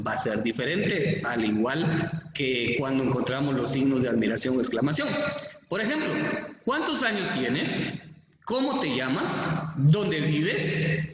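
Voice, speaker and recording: A man's voice: fairly high pitch, fairly bright tone. A man with a Guatemalan Spanish accent teaching a school lesson, explaining patiently with many examples and fillers. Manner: explanatory, repeats and lists examples, uses fillers like pues. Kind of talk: spoken classroom lesson. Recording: echoey room, far from mic, faint noise.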